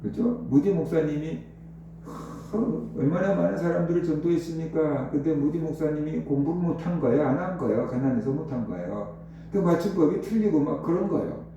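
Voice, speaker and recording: A man preaches a sermon to his congregation, pressing his points with rhetorical questions. His voice is pitched fairly high but sounds mellow and dark. He is heard from a distance across a very reverberant hall with a faint hum beneath. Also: fairly quick, lo-fi sound. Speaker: pastor. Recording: very echoey hall, voice from far off.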